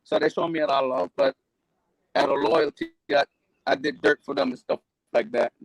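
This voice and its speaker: Gravelly high-voiced man telling his story. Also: sing-song, normal speed, low-quality recording. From New York. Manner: rambling, profane, storytelling. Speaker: interview guest. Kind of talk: candid life story.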